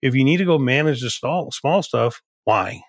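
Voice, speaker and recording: Gravelly man giving emphatic business advice. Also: mid-range voice, expressive, moderate pace, no echo. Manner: emphatic, repeats and restarts phrases. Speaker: podcast guest, business CEO. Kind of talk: conversational podcast interview.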